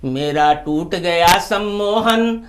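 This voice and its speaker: A man singing a comic poem in the voice of a married woman in her forties who is fed up with her husband, in a slow, sing-song melodic delivery. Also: high voice. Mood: complaining.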